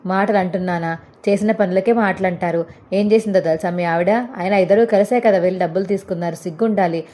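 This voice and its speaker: A woman's voice: lowish voice, fairly even intonation, fast, warm tone, natural voice. A woman voicing a domineering middle-aged mother-in-law who scolds harshly.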